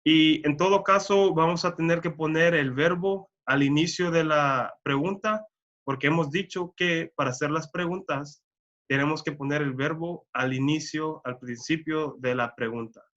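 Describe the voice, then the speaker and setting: Male English teacher, bright and tense-edged voice, dull lo-fi sound; slow, careful delivery. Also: fairly high pitch. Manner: slow, carefully enunciated example sentences. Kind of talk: bilingual English lesson.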